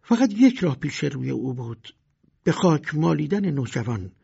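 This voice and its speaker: A man narrating a storybook with a lively, dramatic reading. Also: fairly high pitch, gravelly, breathy edge. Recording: dull lo-fi recording.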